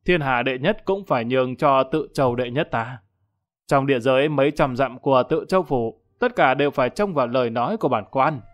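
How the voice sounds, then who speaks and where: A man's voice: mid-range voice, brisk, close to an everyday voice. A man voicing an arrogant, sneering corrupt magistrate in an audiobook, with theatrical menace. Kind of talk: audiobook character acting.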